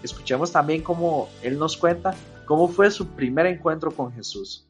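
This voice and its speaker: A man's voice: a little high, moderate pace, soft background music. A man co-hosting the program, enthusiastic and piling up emphasis. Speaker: podcast co-host.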